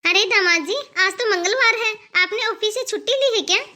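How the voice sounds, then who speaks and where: Woman voicing an aging cartoon mom, fretful, doting, high, bright. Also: normal speed. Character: gentle aging mother, soft-hearted mother-in-law. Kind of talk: cartoon dubbing.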